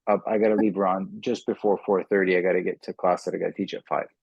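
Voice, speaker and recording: A middle-aged man from Canada, a martial arts instructor, chatting casually in an interview over a video call with an earbud mic, talkative and quick to laugh, often repeating words. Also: deep voice, little pitch movement, gravelly, a little mellow, breathy edge, no echo, dull audio.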